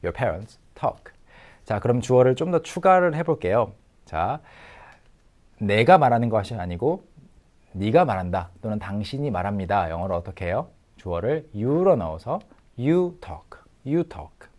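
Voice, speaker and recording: A middle-aged man giving a recorded language lecture, patiently drilling short phrases slowly and repeating them. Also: lowish voice, very animated, a little mellow. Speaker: English teacher.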